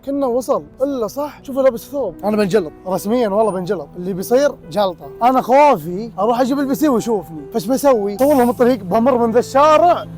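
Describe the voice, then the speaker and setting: A man's voice: very high voice, expressive, rapid-fire, few pauses, a little mellow, faint music behind. A young man, hosting a casual vlog outdoors, joking and laughing often as he talks to viewers. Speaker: vlogger host.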